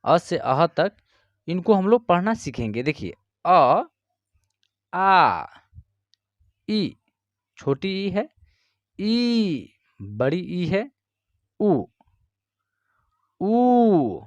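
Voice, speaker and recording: Slow, patient Hindi teacher reciting letters. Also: mid-range voice, no room sound, muffled recording. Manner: patient, repeats "theek hai" and "jo hai" fillers.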